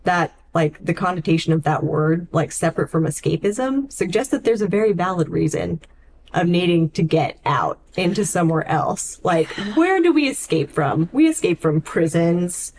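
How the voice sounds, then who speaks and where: Discussing literature casually on a podcast she co-hosts, a woman speaks in a fairly low, darkish voice. She's expressive yet thoughtful and halting, repeatedly using "like."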